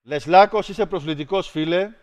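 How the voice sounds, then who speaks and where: A man hosting a livestream, chatting casually with viewers and ranting in a mocking, animated way. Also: sits high, no room sound. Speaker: livestream host. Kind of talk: casual stream chat with viewers.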